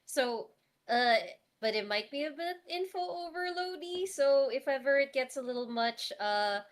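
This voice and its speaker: A woman's voice: high voice, lively intonation, moderate pace. A woman co-hosting a casual livestream, explaining things in an informal, tentative way with repeated words. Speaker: writer-director co-hosting a stream.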